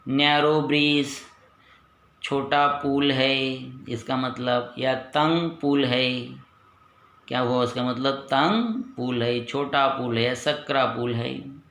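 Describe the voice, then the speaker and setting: A man's voice: medium pitch, slow, fairly bright tone, reverberant. A man teaching pupils, patiently repeating each point and asking then answering his own questions. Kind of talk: lesson for pupils.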